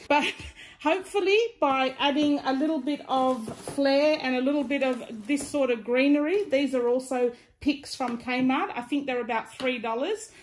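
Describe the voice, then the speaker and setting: An Australian woman giving a casual, chatty craft tutorial, with a slight lisp from wearing retainer-style aligners in her mouth. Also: high-pitched. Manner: informal, chatty demonstrating while handling items. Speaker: DIY craft vlogger.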